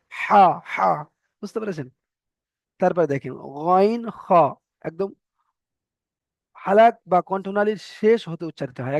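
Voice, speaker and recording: A man with a fairly high voice teaches an online tajweed class, talking his students through each rule step by step. He repeats every rule and letter sound so they can follow along. The recording is dry and close, with almost no room sound. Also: darkish tone, dry recording. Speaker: Quran recitation teacher.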